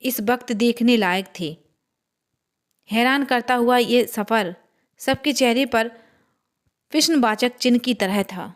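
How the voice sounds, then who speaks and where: A woman narrating a horror story in Hindi storytelling style, steady and dramatic. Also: a little high, unhurried, long pauses.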